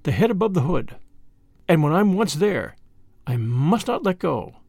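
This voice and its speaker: A man's voice: a little high, big pitch swings, unhurried, gravelly, darkish tone, no echo, clean studio sound, exaggerated voice. A man reading aloud and voicing a small, brave male mongoose who talks with urgent determination. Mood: grim.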